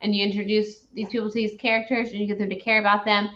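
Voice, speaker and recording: A woman's voice: mid-range voice, flat delivery, fast talker, fairly bright tone. A woman rambling emphatically and with opinions in a casual, ranting film review chat, as a host. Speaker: host of a movie review show. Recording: dull lo-fi recording.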